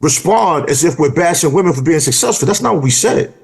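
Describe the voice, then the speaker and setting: Animated man with a lively voice. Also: a little high, a little fast, gravelly. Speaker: podcast co-host. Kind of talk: casual podcast chat.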